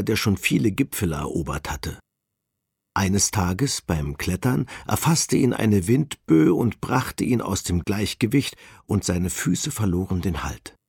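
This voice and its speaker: Slow, gravelly-voiced man reading devotionally. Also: on the low side, no room sound, studio quality. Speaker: reader of a spiritual text.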